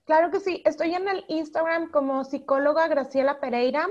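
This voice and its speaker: A woman's voice: high-pitched, steady tone, moderate pace, darkish tone, dull audio. A Mexican woman psychologist explaining emotions in an interview, acting out quoted speech as she talks. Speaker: psychologist guest. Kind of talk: interview answers.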